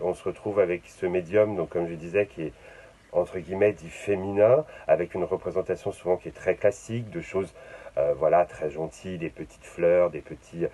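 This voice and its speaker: A middle-aged visual artist speaks unscripted about his work in his studio, pausing often with fillers and repeated words. His voice sits low, with a steady, dark tone.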